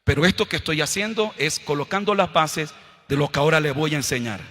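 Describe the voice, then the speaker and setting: A Colombian man preaching a sermon, swinging from low, quiet asides up to loud, shouted scripture lines. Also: lively intonation, a little fast. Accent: Colombian Spanish. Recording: long hall reverb.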